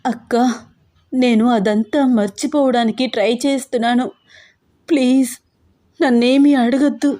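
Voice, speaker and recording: A woman's voice: fairly high pitch, steady tone, unhurried, pauses often, warm tone, voice pushed up, lightly acted. A woman voicing a young medical student, an anxious younger sister who soothes her sibling through tears in a storybook reading. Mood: soothing. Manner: crying, soothing.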